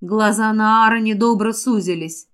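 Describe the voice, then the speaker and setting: A woman narrating a first-person fantasy audiobook in an emotional, expressive way. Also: medium pitch, a little slow, clear, resonant tone. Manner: emotional, expressive reading that rises sharply in distress.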